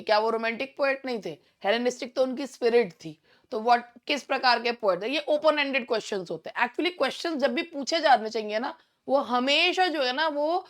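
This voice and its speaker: Indian lady teacher, voice a bit high, reads each question slow then explains. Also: fairly bright tone. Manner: explains in mixed Hindi and English, reading questions out slowly. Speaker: English exam teacher. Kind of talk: exam-prep lesson explaining answers.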